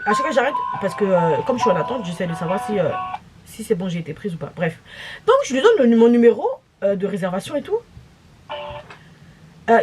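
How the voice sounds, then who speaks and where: A young woman with a French accent, telling a story in a casual vlog, exasperated and animated, with many restarts. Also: mid-range voice, a little hiss or hum. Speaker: vlogger.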